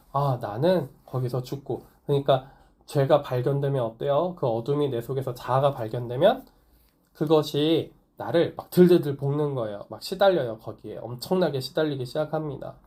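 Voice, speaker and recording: A man's voice: medium pitch, mellow. A man preaching a sermon as pastor, in a conversational way, putting questions to his listeners. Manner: conversational preaching, asks the congregation questions, light laughs. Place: small church or online worship service.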